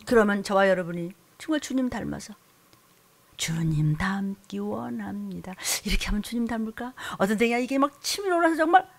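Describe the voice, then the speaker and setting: A woman pastor preaching a sermon, swinging between loud scolding and hushed whispers. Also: fairly high pitch, animated, fast, hardly any pauses.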